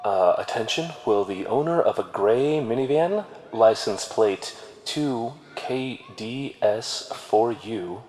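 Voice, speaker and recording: A man doing a slow intercom announcer. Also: on the low side, animated. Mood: deadpan. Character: deadpan male mall PA announcer. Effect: mall announcement over the intercom. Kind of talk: comedy sketch.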